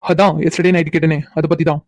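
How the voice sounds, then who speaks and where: A woman's voice: sits low, little pitch movement, normal speed, a little mellow, no echo, lightly acted. A woman voicing a cocky, stubborn young man in a cartoon, teasing and insistent. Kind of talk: cartoon voice acting.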